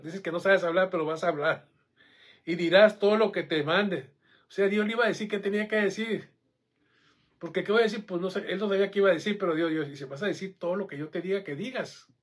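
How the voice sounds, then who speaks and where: Preacher guy, lively and chatty, keeps asking the crowd questions, voice sits a bit high. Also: breathy edge. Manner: animated, conversational, asks the congregation questions. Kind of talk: sermon.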